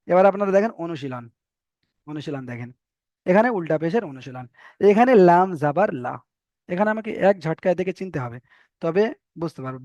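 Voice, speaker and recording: A man with a fairly high voice teaches Quran reading online, drilling letters and vowel marks again and again. His delivery is patient and steady. The sound is dry and a little dull, like a lo-fi call recording. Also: no echo. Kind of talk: online Arabic reading lesson.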